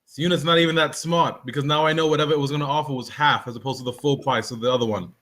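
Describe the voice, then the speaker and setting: A man playing a tabletop role-playing game, animated and quick to argue in character. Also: on the high side. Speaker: player. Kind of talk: casual tabletop role-play.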